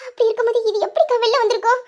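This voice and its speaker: A woman's voice: extremely high pitch, fairly even intonation, racing, a little mellow. A woman voicing a cheerful young woman who laughs as she soothes her worried elder sister. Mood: puzzled. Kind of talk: Tamil audio story acting.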